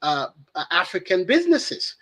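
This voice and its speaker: A French man co-hosts a casual podcast discussion, speaking in an easygoing, conversational way and often tagging on "right?" and "you know." His voice is high-pitched, sing-song and fairly bright, slightly rough, at a normal speed.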